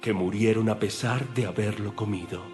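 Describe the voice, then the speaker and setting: A man playing Jesus as a solemn, assured teacher in a dramatized audio Bible, with deliberate, declarative delivery. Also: lowish voice, music in the background, lightly acted.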